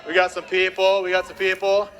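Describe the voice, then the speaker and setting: Working a live crowd from the stage, a man presents in a lively, joking manner full of tag questions. He talks fairly quickly in a high voice, with slight background noise.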